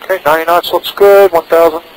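A man with a slightly high voice, steady in tone and fast in pace, works as a private pilot, handling radio calls and talking through his cockpit checks in brief phrases. He's on an aviation headset in a small propeller plane, and the intercom is noisy with engine drone.

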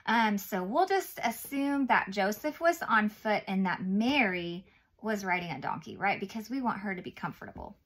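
A woman's voice: mid-range voice, expressive, normal speed, fairly bright tone. A woman in her thirties reading and explaining a Bible lesson to young children in simple, encouraging words, as if reading to a toddler. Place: small indoor room, seated at a table.

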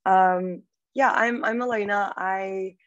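In a casual podcast interview over video call, a young Turkish-accented woman considers her answers carefully, with occasional fillers and false starts. She speaks slowly in a steady, medium-pitched voice, recorded dry and dull through a laptop mic in a small home room.

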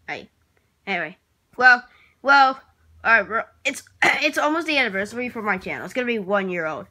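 A woman vlogging casually in a hesitant, rambling way, restarting her words, clearing her throat and apologizing often. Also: on the high side, expressive, brisk, bright, forceful tone. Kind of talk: casual vlog talk while working at a computer.

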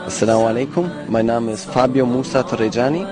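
A man's voice: medium pitch, fast talker, a crowd in the background. A man from Italy telling his personal story in a casual, direct way. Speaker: interviewee. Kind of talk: personal testimony.

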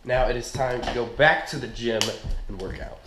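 A man's voice: mid-range voice, normal speed. A young adult man chatting informally and slangily to camera as a fitness vlogger. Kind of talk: casual vlog chat to camera. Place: home kitchens and a gym, indoors. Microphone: action camera at a short distance. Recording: roomy echo, clear background noise.

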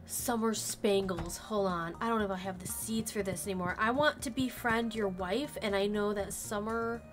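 At a moderate pace and medium pitch, a woman who runs a gaming channel offers laid-back let's play commentary, speaking to the characters as she plays. Her voice is slightly nasal since she's still recovering from a cold, and game music plays behind her.

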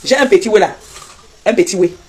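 A woman hosting a live stream, teasing her viewers and reeling off repetitive, mock-preaching blessings in a loud voice. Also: medium pitch, brisk, crowd noise. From Cameroon.

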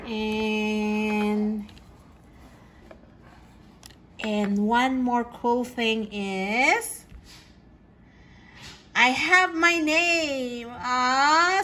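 A woman talks her way through an unboxing in her home kitchen, chatty and openly excited, with plenty of fillers. Her voice sits fairly high and bright, and she takes her time. A faint hum of the room sits behind her. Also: low-quality recording. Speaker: vlogger. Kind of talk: casual unboxing vlog.

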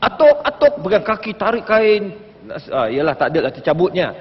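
A man's voice: sits high, big pitch swings, fairly quick. A man in his late thirties speaking as a panelist on a religious forum, telling stories with animation and addressing the audience. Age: late 30s. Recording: dull, echoey hall broadcast sound.

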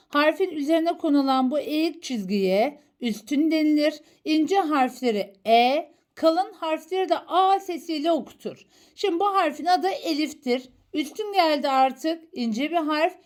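A woman's voice: sits high, darkish tone. A woman teaching a Quran reading lesson, sounding out letters one at a time and correcting common mistakes. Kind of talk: slow, careful Quran alphabet lesson.

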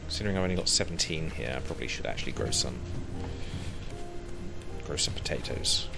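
With a very deep, creaky voice, a streamer in his thirties mutters chattily to himself as he plays, speaking fairly quickly and expressively. The headset-mic recording carries game music beneath him.

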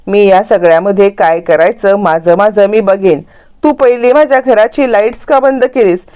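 A woman's voice: mid-range voice, normal speed, darkish tone, clean tone, muffled recording, natural voice. A woman voicing a proud, hot-tempered woman who scolds and threatens her neighbours in a story recap, in a raised, accusing voice.

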